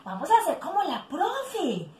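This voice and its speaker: A woman's voice: very high voice, huge pitch swings, moderate pace, mellow, far from the mic, a little hiss or hum. A young woman, a preschool teacher leading a playful children's lesson with animal sounds, exclamatory and sing-song. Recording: echoey room, a bit off-mic, faint music.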